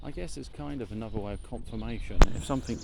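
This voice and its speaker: A man chatting casually to a vlog audience while walking around outdoors, musing in a halting way and trailing off mid-thought. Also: creaky, dark tone. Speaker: paranormal investigator filming a vlog. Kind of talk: casual rambling vlog chat. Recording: noisy outdoor ambience, traffic rumble.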